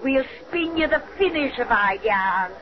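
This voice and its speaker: Slow, eerie ancient witch. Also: high voice, expressive. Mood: sly, folksy. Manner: folksy, drawn-out, eerie cackling delivery. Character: cackling ancient witch storyteller, over a hundred. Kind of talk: 1930s radio acting. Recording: noisy, muffled 1934 radio recording.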